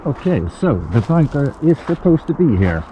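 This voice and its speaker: A man's voice: on the high side, very animated, moderate pace, warm tone, slight background noise. A man narrating a casual, sweary first-person adventure vlog outdoors, his voice muffled by a gas mask. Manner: sweary, informal, talking to camera. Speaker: vlogger playing a survival mission. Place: outdoors in a forest. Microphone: handheld action camera at arm's length. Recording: dull muffled sound through mask. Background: music.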